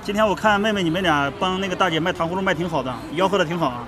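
A man's voice: high voice, very fast, a crowd in the background. A man in his thirties hosting a casual street vlog, chatty and full of questions, sometimes hawking food like a vendor. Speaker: vlog host. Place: outdoor street market. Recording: busy crowded street with traffic.

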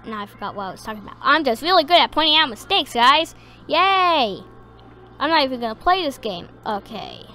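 A woman's voice: on the high side, bright, forceful tone. A woman giving casual, rambling gameplay commentary, hesitating with many ums. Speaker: gaming video creator.

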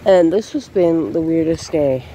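Walking along sidewalks with a handheld phone camera, a beauty vlogger with a stuffy nose from a cold chats in a chatty, rambling way, laughing as she tells stories. Her low voice has lively intonation and a very slow, unhurried pace, with loud outdoor noise behind it in this noisy phone recording.

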